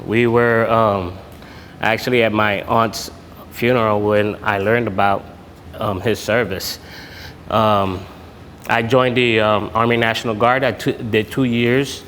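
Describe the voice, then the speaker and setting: A man, a military veteran giving an informal talk at a networking event, halting and full of filler sounds. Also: on the low side, fairly bright tone. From Puerto Rico. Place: event room. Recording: echoey hall with background noise.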